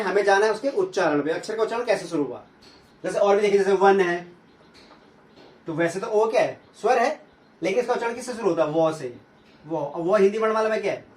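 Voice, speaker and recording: Male teacher, high voice, drills learners with questions he answers himself, heard from a distance in an echoey room. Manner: asks questions and answers them himself, repeats sounds slowly. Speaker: English teacher. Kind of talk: classroom grammar lesson.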